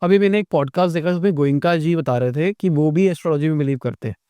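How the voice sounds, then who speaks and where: A man hosts a talk show in a relaxed, chatty way. His voice is pitched high. The sound is dry and close to the mic. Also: quick pace, clean tone, no room sound. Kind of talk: casual podcast conversation.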